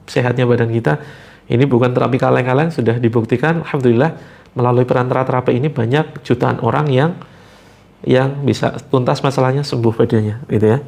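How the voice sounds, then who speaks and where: A man hosting a live spiritual therapy session, giving gentle instructions with light jokes. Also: mid-range voice, gravelly.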